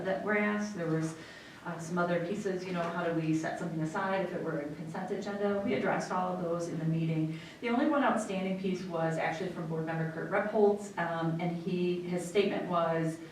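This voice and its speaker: A woman with an American accent giving an explanatory report at a meeting as a school superintendent. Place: indoor meeting room. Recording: echoey room, far mic, faint rumbling noise.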